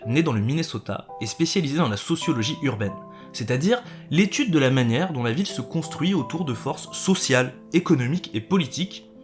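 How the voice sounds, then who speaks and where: A man narrating a scripted video essay as its host, with sarcastic, slangy asides. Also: medium pitch.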